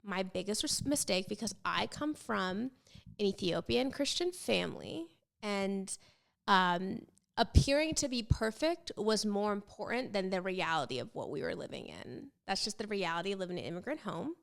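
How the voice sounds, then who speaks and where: A young woman hosting a podcast, giving candid, rambling advice in a casual, conversational way with vocal fry. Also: mid-range voice, lively intonation, moderate pace. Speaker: podcast host. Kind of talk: casual advice chat answering listener questions. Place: apartment set up as podcast studio.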